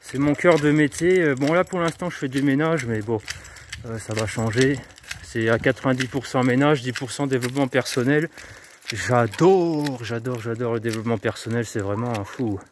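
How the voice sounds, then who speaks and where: A French YouTuber and personal development coach walks outside, chatting casually to the camera in a medium-pitched voice at a normal speed. He's upbeat and chatty, rambling, promoting himself, and laughing at himself. Faint street noise and jangling keys are audible.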